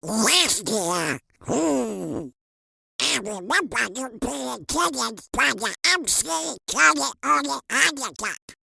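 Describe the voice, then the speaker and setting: A put-upon male cartoon duck uncle, acted by a woman, in a comic dub. The voice is high and creaky, with a slow, dragging pace. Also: lively intonation, bright, forceful tone, no echo, clean studio sound, exaggerated voice. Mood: puzzled, placating. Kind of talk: comic book fan dub.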